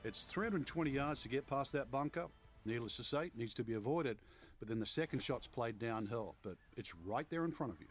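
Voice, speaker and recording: A man's voice: medium pitch, animated, brisk, music in the background, natural voice. A man working as a golf commentator and analyst, explaining shots in colloquial terms for a video game. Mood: explanatory.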